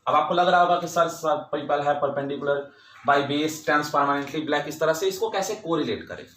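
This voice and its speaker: High-voiced male teacher, slow and bright. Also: echoey room, slight background noise. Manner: repeats key points with emphasis, mixing English terms into Hindi. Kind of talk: classroom lecture.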